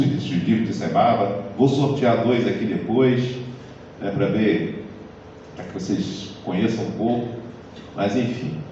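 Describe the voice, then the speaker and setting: A man's voice: lowish voice, mellow, slight background noise. A man giving a live lecture to an audience, talking conversationally and often adding tag questions. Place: lecture hall of a community center. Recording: echoey hall recorded from far off, dull sound.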